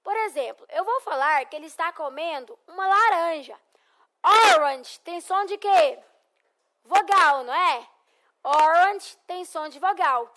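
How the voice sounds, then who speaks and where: A young Brazilian woman with a Brazilian Portuguese accent, an English teacher giving a recorded lesson. She is encouraging and repeats phrases slowly for students to echo. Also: extremely high pitch, lively intonation, a bit bright.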